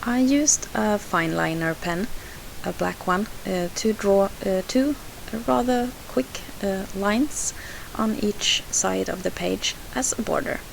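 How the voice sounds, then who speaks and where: Over poor, hissy home audio, a Swedish scrapbooking host narrates her process with a Swedish accent. Her mid-range voice is gravelly and slow, and the voice-over is hesitant, full of "uh" fillers and restarts.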